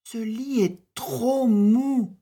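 A man voicing a fussy little girl in a high, picky tone. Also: steady tone, drawn-out words, dark tone, full character voice.

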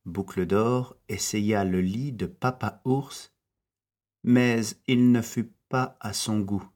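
A man reads a bedtime fairy tale in a slow, lilting voice. His tone is slightly husky and rises and falls a lot. Quiet music plays underneath. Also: mid-range voice. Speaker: narrator. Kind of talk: storybook reading. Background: soft music.

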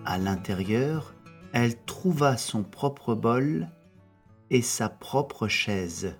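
A man reading a children's fairy tale aloud slowly and expressively. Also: medium pitch, expressive, creaky. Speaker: narrator. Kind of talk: storybook reading. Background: soft music.

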